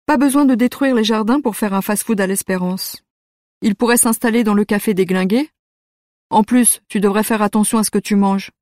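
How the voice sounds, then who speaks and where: A woman voicing a teenage schoolgirl who is brisk and lecturing. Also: medium pitch, darkish tone, no echo, clean studio sound, lightly acted. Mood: skeptical. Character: teenage schoolgirl, sharp and dismissive.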